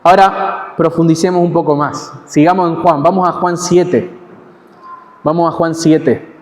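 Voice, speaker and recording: A man with an Argentine accent preaching an expository sermon in a measured, teaching way, pausing and correcting himself now and then. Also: fairly high pitch, steady tone. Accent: Argentine Spanish. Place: church hall. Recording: long church hall reverb.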